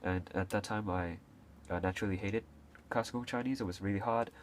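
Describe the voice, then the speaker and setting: A low-voiced young video creator from Hong Kong speaks casually and haltingly to camera, unscripted. There are many fillers and restarts plus occasional coughs, over slight background noise.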